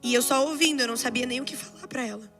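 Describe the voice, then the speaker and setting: A woman's voice: high-pitched, very fast, faint music behind. A Brazilian woman with a Brazilian accent, preaching a sermon with impassioned storytelling that builds to fervent exhortation. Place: church service.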